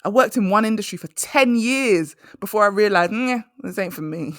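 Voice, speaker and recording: Speaking at a moderate pace in a mid-range voice, a career coach and podcast host in her thirties delivers motivational career talk with emphasis, echoing her key phrases. The sound is studio quality with no echo.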